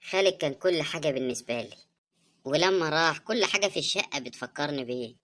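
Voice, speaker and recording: A woman voicing a tired young widow in an animated drama, speaking Egyptian Arabic in a pleading, defensive way. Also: low-pitched, fast. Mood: weary, defensive.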